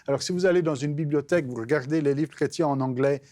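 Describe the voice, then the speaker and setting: Earnest higher-pitched man preaching. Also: quick pace, a little mellow. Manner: earnest, emphatic, with frequent restarts.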